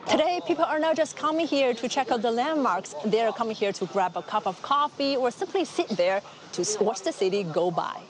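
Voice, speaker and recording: A woman's voice: on the high side, expressive, brisk, a crowd in the background. A woman interviewee speaking outdoors in an explanatory, enthusiastic way. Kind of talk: interview soundbite.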